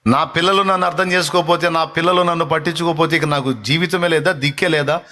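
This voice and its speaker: Man, preacher, fervent sermon, high voice, bright tone, repeats phrases. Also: fairly even intonation, fast. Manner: acts out taunting voices and rebukes them.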